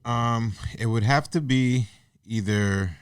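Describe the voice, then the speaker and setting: A man's voice: mid-range voice, slow, smooth, dry recording, clean studio sound. A man in his thirties, a guest on a podcast, talking in a casual, earnest and reflective way with loose restarts. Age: 30s. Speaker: podcast guest, artist and business owner. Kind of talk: casual interview chat.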